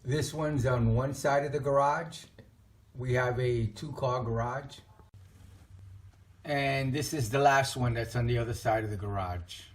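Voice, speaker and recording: A middle-aged home tech vlogger walks through his setup in a casual, plainspoken, somewhat repetitive way. His medium-pitched voice is steady and a little slow, recorded in an echoey indoor room.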